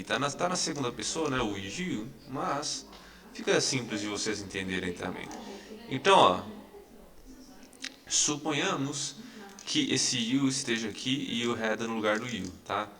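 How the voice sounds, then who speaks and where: Gravelly man teaching English. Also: mid-range voice, fairly bright tone. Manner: explains patiently, repeating examples with many "tá?" and "né?" checks. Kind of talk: recorded online lesson.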